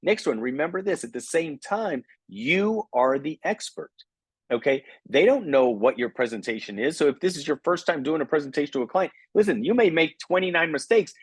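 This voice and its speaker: A middle-aged man giving an energetic coaching talk on recruiting, often checking in with "okay?". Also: fairly high pitch, a little fast, slightly rough, no echo. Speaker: recruiting trainer. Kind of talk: motivational training talk.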